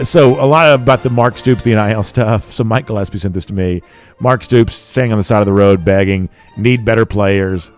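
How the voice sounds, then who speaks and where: A man hosting a sports talk show, giving conversational college football commentary and leaning on key words for emphasis. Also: lowish voice.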